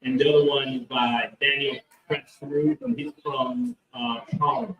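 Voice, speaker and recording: With big swings in his mid-range voice and a measured pace, a man discusses his comic book in a convention interview, rambling and restarting with lots of fillers. He's recorded from a distance, off mic, so the audio is dull and echoey.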